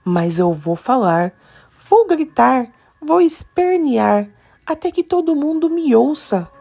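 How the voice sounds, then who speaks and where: A woman voicing a stubborn young boy who insists on speaking in court, with insistent, shrill outbursts. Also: slow pace, a little mellow. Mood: defiant.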